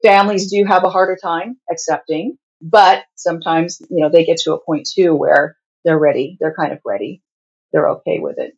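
Female interview guest, hospice nurse. Lowish, husky voice, explains plainly and conversationally, slightly dull recording. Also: normal speed.

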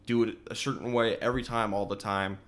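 A man's voice: lowish voice, fairly even intonation, fairly quick, a bit bright. A man co-hosting a podcast, casually recapping a horror film with wry asides. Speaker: podcast co-host. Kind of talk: casual chat.

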